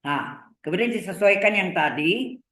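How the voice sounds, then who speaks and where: A middle-aged university lecturer gives a live lecture on vector calculus for engineering mathematics. His voice sits high and a bit bright, and he is animated yet speaks slowly, repeating terms and asking questions to check the class is following. The room is echoey.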